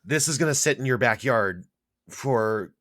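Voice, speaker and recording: Man, mid-pitched, agreeable and measured, podcast co-talker. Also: expressive, fairly bright tone. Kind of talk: casual podcast conversation.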